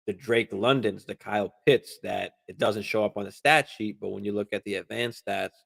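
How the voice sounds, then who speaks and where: A man hosting a live fantasy football stream, answering viewer questions in a relaxed, casual way, swearing freely and using lots of fillers and restarts. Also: fairly low pitch, normal speed, creaky. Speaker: fantasy football show host.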